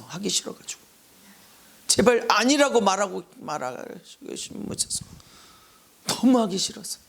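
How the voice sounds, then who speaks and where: A middle-aged male pastor preaching an expository sermon. He moves between loud calls and hushed asides. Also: on the high side, gravelly, husky.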